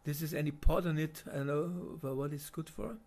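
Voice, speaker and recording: This German-accented man's voice is on the high side with a darkish tone. He gives spontaneous commentary over video footage, faltering with lots of fillers and restarts.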